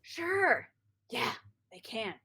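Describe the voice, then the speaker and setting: A woman's voice: a little high, sing-song, drawn-out words, sharp tone, slightly rough. A woman improvising as a bossy, exasperated game master in a comedy scene, sometimes dropping to a whisper.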